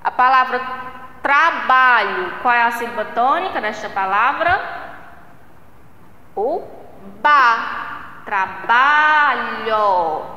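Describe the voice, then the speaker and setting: A woman's voice: fairly high pitch, lively intonation, pushed and bright, muffled recording. A Brazilian woman teaching a recorded primary school lesson, speaking patiently, drawing out syllables and checking in with the children. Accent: Brazilian Portuguese. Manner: slow, patient, drawing out syllables and asking "né?" and "certo?". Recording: echoey room with long reverb.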